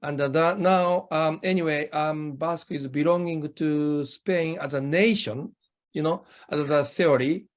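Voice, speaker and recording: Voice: medium pitch, steady tone, measured pace. An interview host, a native Japanese speaker with a Japanese accent, talking in a conversational style.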